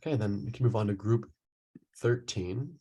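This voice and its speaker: Guy hosting an online class, relaxed husky voice, casual. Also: lowish voice, moderate pace. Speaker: session host, moderator.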